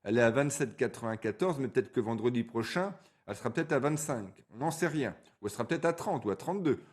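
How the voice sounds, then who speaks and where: Man, stock chart commentary, blunt and colloquial, mid-pitched voice, occasional stumbles. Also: expressive, fast, a little mellow, slightly rough. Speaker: stock market chart analyst, channel host. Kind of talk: casual market commentary.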